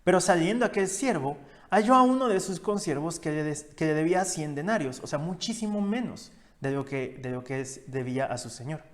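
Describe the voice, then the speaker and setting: A man's voice: a little high, lively intonation, fairly quick, few pauses. A man preaching a sermon, reading scripture aloud and repeating key phrases with rising emphasis. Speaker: pastor.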